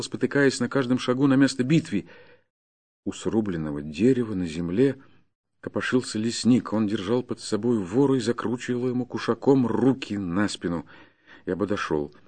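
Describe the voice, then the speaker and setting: A man reading a classic story aloud in a measured, even storytelling manner. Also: on the low side. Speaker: narrator. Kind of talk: scripted narration of a classic story.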